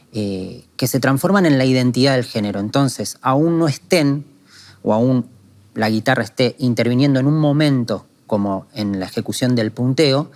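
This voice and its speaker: A calm, methodical man from Argentina, explaining guitar strumming technique in a lesson. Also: medium pitch. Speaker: guitar teacher. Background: guitar playing.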